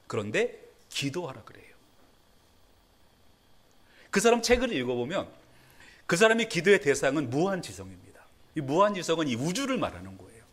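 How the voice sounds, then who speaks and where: A middle-aged man preaching a Sunday sermon as a pastor in a church. He talks conversationally, laughs at himself now and then, and rises into sudden emphasis. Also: high voice. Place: church sanctuary.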